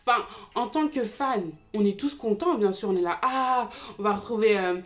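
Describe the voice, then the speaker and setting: A YouTube commentator in her twenties talks casually about TV series in an explainer vlog, dropping in lots of fillers and side remarks. She speaks at a moderate pace with a medium-pitched voice.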